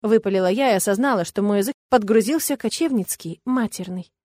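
A young woman narrating a fantasy novel in the first person, in a lively, ironic tone. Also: medium pitch, brisk, dry recording. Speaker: audiobook narrator.

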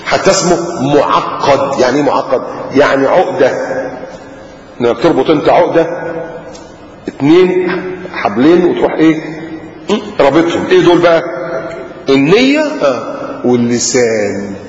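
Lively Egyptian sheikh in an echoey hall. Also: male voice, on the high side, normal speed, long pauses. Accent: Egyptian Arabic. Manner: lively, acts out little dialogues. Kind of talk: religious lesson. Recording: echoey, muffled hall recording.

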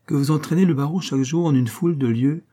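A man voicing a sly, coquettish noblewoman in a storybook reading, asking arch, teasing questions in a darkish, husky voice. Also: on the high side, fast, warm tone, pitched above the performer's own voice, close to an everyday voice.

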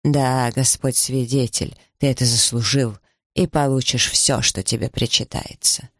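A man playing a harsh, pious older mother who speaks with slow, cutting scorn, in an audiobook. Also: mid-range voice, steady tone, a bit bright, no room sound, clean studio sound. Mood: furious.

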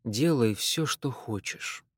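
A man reading aloud and voicing an exhausted young man who answers slowly in a hoarse, strained, quiet voice. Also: medium pitch, lively intonation, no echo, studio quality, heavily acted. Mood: weary. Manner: slow, weary, withdrawn.

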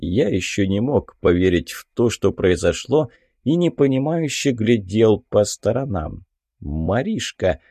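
A man reading a fantasy audiobook aloud in the first person, expressive and lively. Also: lowish voice, measured pace, no room sound, studio quality. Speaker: audiobook narrator.

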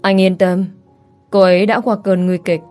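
Woman reading a calm male doctor. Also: mid-range voice, moderate pace, soft background music, lightly acted. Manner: calm, matter-of-fact.

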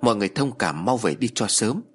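A man voicing a tired, curt older male spirit medium who speaks slowly. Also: fairly low pitch, lively intonation, a bit bright, slightly rough. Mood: weary. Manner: slow, tired, dismissive.

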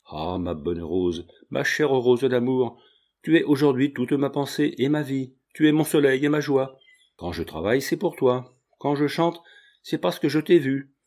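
A man's voice: mid-range voice, lightly acted. A man reading an audiobook, voicing a cheerful old carpenter father doting on his daughter. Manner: doting, warm-hearted.

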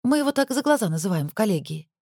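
An audiobook narrator voicing an excitable young woman lawyer who keeps protesting defensively. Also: medium pitch, rapid-fire, husky, dry recording, studio quality, voice pushed up. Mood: indignant, flustered.

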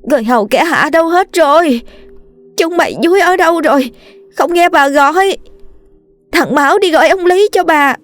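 A woman's voice: extremely high pitch, moderate pace, voice pushed up. A woman voicing a wealthy wife in labor, screaming desperately for her husband and servants. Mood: frantic pain.

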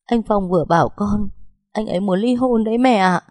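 A woman's voice: fairly low pitch, brisk, dark tone, no echo, close to an everyday voice. Woman voicing a tearful, stammering young wife. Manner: hesitant, stammering, pleading.

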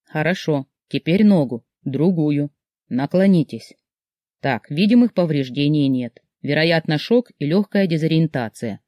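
A commanding, self-assured wealthy man, as a storyteller voices him, speaking lower and with calm authority. His tone is mellow and unhurried. The sound is close and dry, audiobook style. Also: no echo. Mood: stern.

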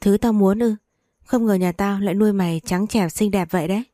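A woman reading the part of a lecherous rich landlord who speaks slowly and drawls. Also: medium pitch, mellow, dry recording, studio quality, natural voice. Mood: lazy, leering. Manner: slow, drawling, then sweetly menacing. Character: lecherous wealthy old landlord, male.

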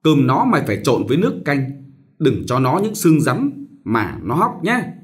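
Guy reading as a fussy middle-aged master giving orders, lively voice. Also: medium pitch, moderate pace. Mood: instructing. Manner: fussy firm instructions.

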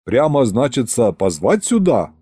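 A man's voice: medium pitch, big pitch swings, unhurried, warm tone, breathy edge, dry recording, clean studio sound. A man voicing a small, grumbling male house spirit who complains constantly.

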